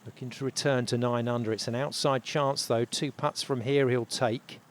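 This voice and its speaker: A man commentating on tournament golf, building drama in short, measured phrases. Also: mid-range voice, steady tone.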